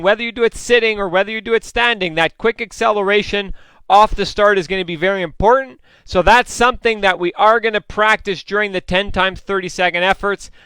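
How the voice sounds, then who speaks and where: A male coach leads a live indoor cycling class, upbeat and instructive as he encourages riders by name. His voice sits high and sounds bright and crisp. The recording is dry and close, with no room sound. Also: no echo, low-quality recording.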